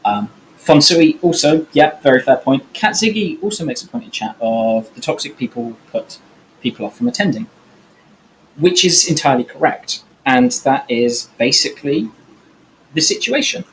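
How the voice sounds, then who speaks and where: A man speaking bluntly and quickly in a casual panel discussion. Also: fairly high pitch, sing-song, a little hiss or hum, rough recording.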